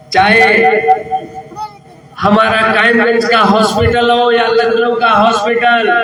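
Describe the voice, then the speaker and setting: A man giving a booming political rally speech as a candidate, oratorical, repeating phrases and calling on listeners to answer. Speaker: election candidate. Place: public election rally before a crowd. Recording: roomy distant PA sound with loud crowd.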